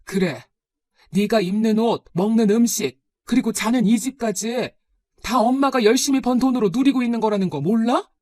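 A woman's voice: fairly high pitch, normal speed, dark tone, no room sound, clean studio sound, lightly acted. A woman voicing a busy, defensive working mother in a told story, with a scolding, indignant manner. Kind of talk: storybook narration.

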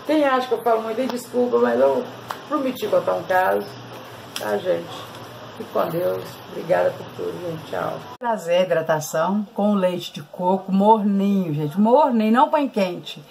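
A Brazilian woman vlogger with a Brazilian Portuguese accent chats with her viewers, telling a story and sharing a hair-care tip while constantly addressing them. Her medium-pitched voice is gravelly and a little mellow, moving at a moderate pace over poor audio with some hiss or hum.

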